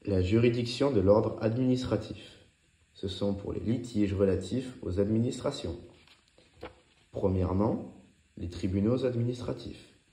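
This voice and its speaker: A man's voice: fairly low pitch, unhurried, mellow. A man reading scripted study notes aloud as a lesson, in a clipped, didactic, item-by-item delivery. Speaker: narrator of a law revision lesson. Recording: echoey, roomy sound.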